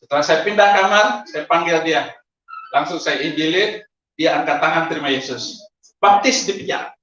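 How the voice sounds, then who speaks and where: A man, a pastor, preaching a testimony sermon with animated storytelling, frequent laughter and sudden high exclamations. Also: normal speed, a little hiss or hum. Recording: echoey, distant, lo-fi hall sound.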